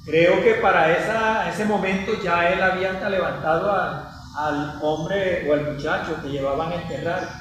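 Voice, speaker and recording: A man's voice: high-pitched, moderate pace, a bit bright. A man hosting a conversational Bible study, retelling scripture as a story and checking in with his co-host. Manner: addresses his co-host often. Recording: echoey, distant mic with faint noise.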